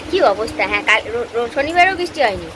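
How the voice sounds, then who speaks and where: A woman's voice: fairly high pitch, big pitch swings, quick pace, noisy background. A housewife vlogging from home, chatting casually and straight to her viewers while recording on a handheld phone. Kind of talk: casual vlog chat to viewers. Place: at home, indoors.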